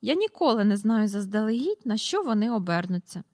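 A woman voicing a tiny, very old shopkeeper woman with a squeaky voice, in a read-aloud storybook. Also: big pitch swings, brisk, darkish tone, no echo, clean studio sound, lightly acted. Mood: chatty. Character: tiny ancient shrill old woman shopkeeper, sharp-tongued.

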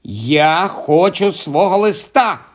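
A man's voice: high-pitched, animated, slow, pitched above the performer's own voice, full character voice. A man voicing an indignant young boy in an audiobook, insistent and protesting. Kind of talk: audiobook character voice.

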